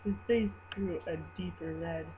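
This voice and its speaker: Halting woman reading a story, muffled recording. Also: fairly low pitch, a little hiss or hum. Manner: halting, stumbles over words and breaks into giggles. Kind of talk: amateur dramatic reading of fan fiction. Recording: muffled, humming home recording.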